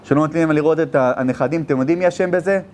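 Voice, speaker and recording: A rabbi preaching a sermon, telling stories and firing rhetorical questions with passion. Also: male voice, fairly high pitch, a little mellow, slight background noise.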